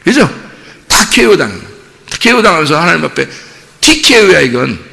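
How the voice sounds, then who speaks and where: A male pastor preaching a sermon, telling the story with lively acted-out dialogue. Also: a little high, a little fast, creaky, in a large hall. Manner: animated storytelling, acting out dialogue. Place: church sanctuary.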